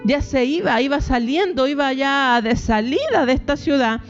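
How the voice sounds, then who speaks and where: A woman pastor giving a devotional sermon, speaking haltingly, repeating words and crying out when voicing pleas. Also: high voice, lively intonation. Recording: dull lo-fi audio, faint music.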